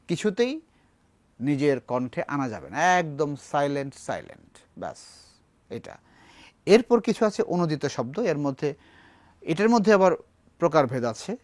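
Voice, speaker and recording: A man with a slightly high voice teaches a recitation class, recorded dry. He explains words, quizzes his students with questions, and recites verse slowly in this classroom lesson.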